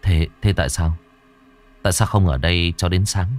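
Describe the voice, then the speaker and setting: A man's voice: low-pitched, normal speed, faint music behind, voice pushed down, lightly acted. A man voicing a frightened, exhausted young man who stammers in a spoken horror story. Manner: stammering and fearful.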